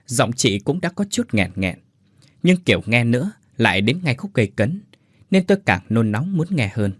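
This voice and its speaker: A man's voice: medium pitch, sing-song, moderate pace, slightly rough, no echo, studio quality. A man narrating a scripted ghost story.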